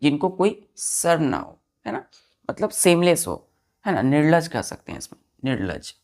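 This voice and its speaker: A woman with a notably low, gravelly voice teaches a vocabulary lesson to her students. She spells each word slowly, one letter at a time, and counts the letters aloud with patient repetition. Her listeners are addressed as children throughout. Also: big pitch swings, a little mellow.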